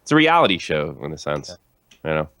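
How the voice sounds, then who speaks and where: A man with a very low voice hosts a loose podcast conversation. He stammers and restarts as he thinks aloud. The sound is dry and close. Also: big pitch swings, a little fast, sharp tone, dry recording. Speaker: podcast host. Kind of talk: casual chat.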